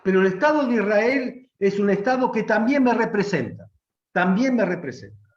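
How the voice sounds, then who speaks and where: A man speaking Argentine Spanish, giving a measured, reflective answer at a public talk, pausing and restating his phrases. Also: high-pitched, lively intonation. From Romania, raised in Argentina. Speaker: guest philosopher. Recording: echoey, dull lo-fi room sound.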